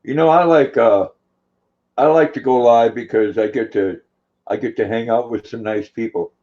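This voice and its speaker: A man's voice: medium pitch, steady tone, moderate pace, warm tone. A man chatting casually and jokingly on a livestream. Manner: joking, prone to laughing. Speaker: livestream participant. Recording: dull, lo-fi livestream audio.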